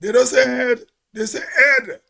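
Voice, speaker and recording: A man's voice: very high-pitched, measured pace, a bit bright. A Grenadian man giving a spoken commentary in an emphatic, preachy way, as if on radio.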